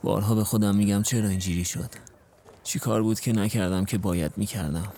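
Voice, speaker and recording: A man's voice: on the low side, steady tone, dark tone. A young man narrating his own story in an audio drama and speaking as its distraught, heartbroken lead. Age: young adult.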